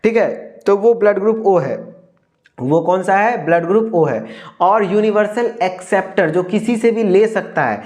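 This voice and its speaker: A man's voice: sits high, lively intonation, normal speed, a little mellow. A young man with a Hindi accent giving an exam-prep lecture as a pharmacy tutor, asking questions and answering them himself and repeating key terms.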